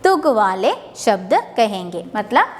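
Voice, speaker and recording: A woman's voice: mid-range voice, big pitch swings, a little slow, big-room sound. A woman teacher explaining a poem to young students, patient, asking questions and answering them herself, mixing in English words. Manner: mixes English words into Hindi. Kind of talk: classroom lesson explaining a poem.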